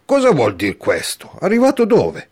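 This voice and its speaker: A man's voice: medium pitch, lively intonation, measured pace, natural voice. A man reading the part of a timid, fretful older village priest, talking in fussy, rambling bursts. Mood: startled. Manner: fussy, rambling, emphatic exclamations. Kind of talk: audiobook character reading.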